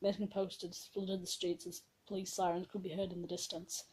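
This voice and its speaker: A woman's voice: lowish voice, little pitch movement, brisk, a little mellow, rough recording. A woman reading her own old story aloud in a casual way, giggling and breaking off with self-mocking asides.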